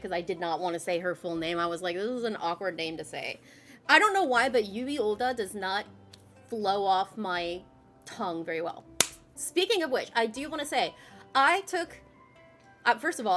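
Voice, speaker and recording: A woman chatting her way through a game, full of rambling asides and quick self-corrections. Her voice sits a touch high. Quiet game music runs underneath. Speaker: let's player. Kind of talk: casual gameplay commentary.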